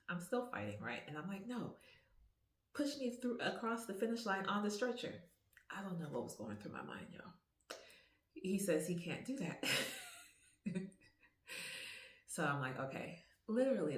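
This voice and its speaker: A woman hosting her podcast, telling a personal story in an animated, confiding way and calling her listeners y'all. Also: deep voice. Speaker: podcast host. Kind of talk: casual storytelling. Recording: echoey room.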